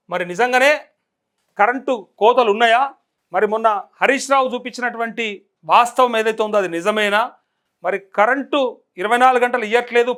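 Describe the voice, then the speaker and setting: A man's voice: high-pitched, a bit bright. A man hosting a live call-in show, speaking Telugu with a Telangana accent, with urgent rhetorical questions. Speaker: host. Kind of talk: live call-in political commentary.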